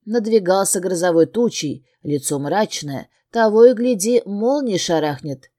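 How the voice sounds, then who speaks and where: A woman reads a first-person fantasy audiobook aloud. Her voice is mellow and warm, at a middle pitch, and her reading is expressive and emotionally engaged. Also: a little slow. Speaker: audiobook narrator.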